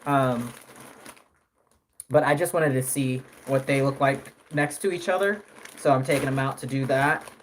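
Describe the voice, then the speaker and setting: A man's voice: medium pitch, unhurried, slight background noise. Young man rambling on a live stream. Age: early 20s. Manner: rambling, many fillers and self-corrections. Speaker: live streamer and doll artist. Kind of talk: casual live stream chat.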